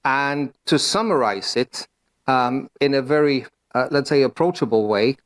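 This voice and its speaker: A man's voice: medium pitch, animated, measured pace. A middle-aged man from Sweden with a Swedish accent, giving a conference presentation with many fillers and restarts. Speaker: panel speaker.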